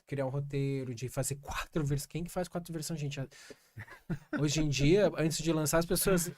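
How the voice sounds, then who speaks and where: A man's voice: fairly high pitch, normal speed, a little mellow. A man hosting a casual podcast conversation, affirming his guests and speaking hesitantly with many fillers. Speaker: podcast host.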